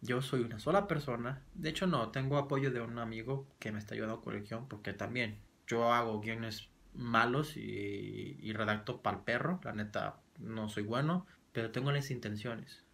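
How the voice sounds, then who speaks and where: Gravelly young Mexican man vlogging. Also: medium pitch, moderate pace, hardly any pauses, a bit bright. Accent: Mexican Spanish. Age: 20s. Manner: rambling, slangy, self-deprecating. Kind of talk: casual vlog monologue.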